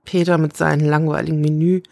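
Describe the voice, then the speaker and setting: A woman voicing a young female cook who is ironic and worn out, speaking slowly and hesitantly in an audiobook. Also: deep voice, level tone, vocal fry, darkish tone, dry recording, studio quality, pitched below the performer's own voice. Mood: despairing. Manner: slow and hesitant.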